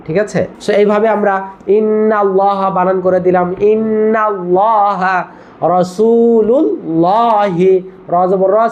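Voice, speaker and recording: High-voiced man teaching recitation step by step. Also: a little mellow, muffled recording. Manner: spells out letters and drills words slowly, asks and answers his own questions. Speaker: Quran reading teacher.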